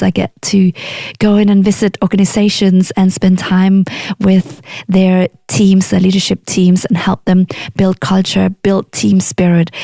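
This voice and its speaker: Danish-accented woman with a gravelly voice. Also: medium pitch, mellow, dry recording, clean studio sound. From Denmark. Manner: earnest, emphatic, acts out quoted clients. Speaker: podcast host and executive coach. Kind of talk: solo podcast monologue.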